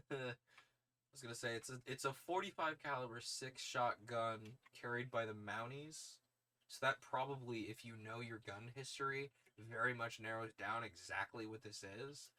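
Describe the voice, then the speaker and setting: Forceful male streamer reading aloud. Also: medium pitch, moderate pace. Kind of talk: story narration with casual asides.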